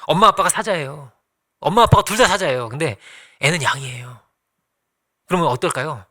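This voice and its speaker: Family stories fill this sermon from a middle-aged pastor in a church sanctuary, where he acts out each quote and laughs frequently. He talks fairly quickly in a fairly high, pushed, bright voice.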